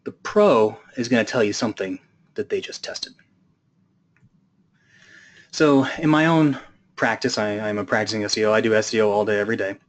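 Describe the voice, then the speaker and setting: A man's voice: on the low side, steady tone, moderate pace, pauses often. A man giving a conference talk, telling a humorous story in a casual way with loose fillers. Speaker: conference speaker. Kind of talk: storytelling presentation.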